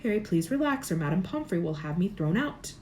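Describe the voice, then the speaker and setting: A woman voicing a kindly old male headmaster in a storybook reading, gentle, measured and formal. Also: on the low side, big pitch swings, a little hiss or hum.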